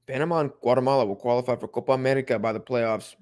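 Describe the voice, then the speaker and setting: Young male streamer, relaxed chatty host who perks up at big plays. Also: mid-range voice, rapid-fire. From Mexico-supporting fan. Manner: laid-back, chatty, bursts of excitement at plays. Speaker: watch-along host. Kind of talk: casual live commentary and chat reading.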